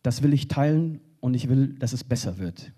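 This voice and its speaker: A man speaking earnestly on a panel from a stage, often halting and restarting. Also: medium pitch, lively intonation, warm tone, slightly rough. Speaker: panel speaker for a refugee organization. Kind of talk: spoken panel contribution. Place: stage in a hall.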